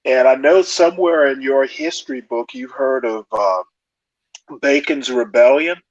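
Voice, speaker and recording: Slow man, muffled like inside a fishbowl. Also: medium pitch, no room sound. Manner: measured, lecturing, hesitant. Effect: muffled sound, as if inside a fishbowl. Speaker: caller joining a live talk show. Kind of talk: casual call-in discussion. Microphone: earbuds microphone. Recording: dull lo-fi earbud audio.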